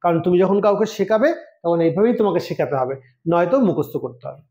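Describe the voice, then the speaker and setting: Male tutor, higher-pitched voice, patient step-by-step explainer, recorded in a reverberant room. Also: animated, fast talker, warm tone. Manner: explains step by step, often checks understanding. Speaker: Sanskrit teacher for exam preparation. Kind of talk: online lesson. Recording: roomy echo.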